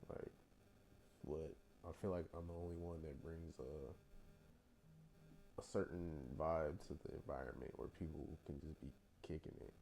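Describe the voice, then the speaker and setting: A man's voice: extremely low pitch, fairly even intonation, normal speed, gravelly, a little mellow, slight background noise. A young man telling a story from his own past in a casual vlog, talking in a blunt, profane, slangy and rambling way. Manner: loose and rambling with many restarts. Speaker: vlogger.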